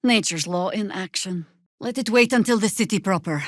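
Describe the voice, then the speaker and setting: An actress voices a seasoned, sardonic older female druid warrior in a fantasy video game, wry, commanding and deliberate. Her natural voice is medium in pitch, recorded at studio quality with no echo.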